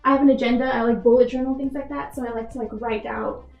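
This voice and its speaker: Her voice is a little high and slightly mellow, with fairly even intonation and a quick pace, as this young Texan retail worker earnestly answers job interview questions, using "like" again and again. The recording is roomy and muffled, with soft music playing behind her.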